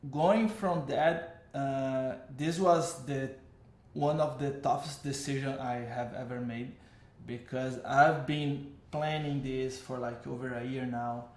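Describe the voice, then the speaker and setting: Slowly and in a steady, darkish, medium-pitched voice with reverb, a Brazilian man in his thirties shares his personal story on his vlog. Portuguese is his first language; he rambles and corrects himself, often saying "like" and "uh."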